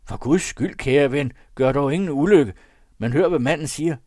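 A man voicing an anxious male traveller who urgently pleads for calm. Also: a little high, no room sound, clean studio sound, pitched above the performer's own voice, natural voice.

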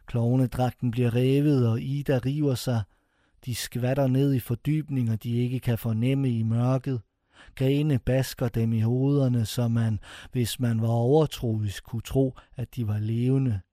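A man reads a scripted horror story aloud, with a dark, mellow voice and a close, dry studio sound. His delivery is suspenseful, and he slows down to let the dramatic phrases land. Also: mid-range voice, fairly even intonation, no room sound. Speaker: narrator.

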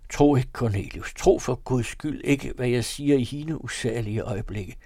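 A man's voice: mid-range voice, warm tone, dry recording, clean studio sound, lightly acted. A man reading a haunted, confessing father. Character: troubled older father confessing his dark moods.

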